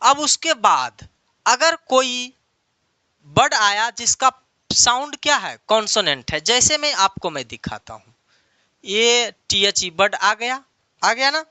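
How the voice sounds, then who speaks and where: Slow, lively-voiced male English teacher. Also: sits high, dry recording. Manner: patient, repeats key phrases often. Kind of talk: explanatory online lesson.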